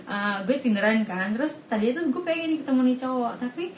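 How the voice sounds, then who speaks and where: Woman co-host, animated storyteller, a bit high-pitched, echoey room. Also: a little fast. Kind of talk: casual podcast chat. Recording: roomy echo, faint noise.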